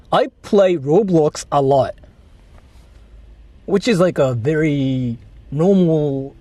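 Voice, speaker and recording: A Japanese man hosts a livestream, chatting informally, repeating himself and letting some swearing slip. His fairly high voice is a little mellow, and the recording is dry.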